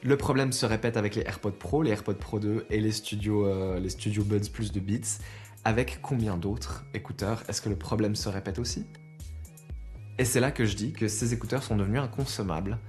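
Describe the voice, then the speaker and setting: A man's voice: on the low side, fairly even intonation, normal speed, a little mellow, faint music behind. A man giving an opinionated consumer rant to viewers, exasperated and emphatic, conversational and full of rhetorical questions. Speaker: video presenter.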